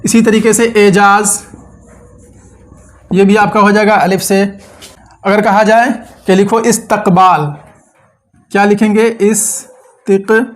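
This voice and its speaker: A man's voice: sits high, flat delivery, measured pace, long pauses. A man teaching an Urdu lesson step by step, patiently repeating words and asking the viewer questions.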